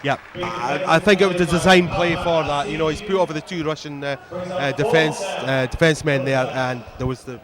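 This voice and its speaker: A man's voice: on the high side, moderate pace, few pauses, over a noisy crowd. A man giving live American football commentary as a co-commentator. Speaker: sports co-commentator.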